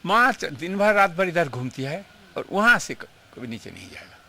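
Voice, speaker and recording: A man's voice: a little high, big pitch swings, moderate pace, gravelly, sharp tone. Earnest older man reminiscing. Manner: emotional, earnest storytelling, mixing in English phrases. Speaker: swami recalling his guru. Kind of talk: reminiscing interview.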